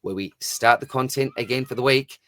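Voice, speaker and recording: A man runs a casual one-man fantasy sport mailbag, reading questions aloud and replying in chatty, slang-heavy banter. His medium-pitched, fairly bright voice moves a little fast, captured dry with clean studio sound.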